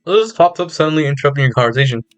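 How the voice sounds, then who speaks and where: A man's voice: a little high, lively intonation, very fast, dry recording, soft background music. A man streaming a game, reading its narration aloud with giggles and stumbles. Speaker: gaming streamer.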